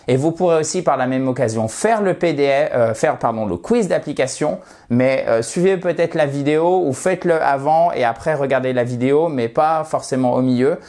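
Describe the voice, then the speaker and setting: A man's voice: mid-range voice, a little mellow. A man teaching English vocabulary in a video lesson. He explains at length and repeats sample phrases with emphatic stress.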